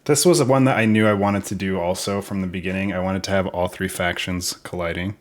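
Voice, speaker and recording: A man's voice: low-pitched, fairly even intonation, a little fast, slight background noise. A young man giving casual developer commentary over his game, thinking aloud and unsure of the order.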